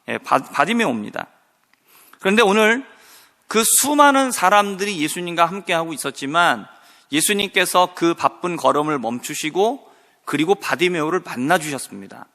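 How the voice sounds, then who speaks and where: A man's voice: on the high side, sharp tone. A male pastor preaching a sermon, explaining a scripture story and asking rhetorical questions. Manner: slows and lifts his voice to voice the quoted cries. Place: church sanctuary. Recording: hall reverb of a church service broadcast.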